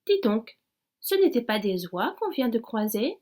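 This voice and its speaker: A woman's voice: a little high, big pitch swings, unhurried, a little mellow. A woman voicing a skeptical young male mouse in a storybook reading. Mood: worried.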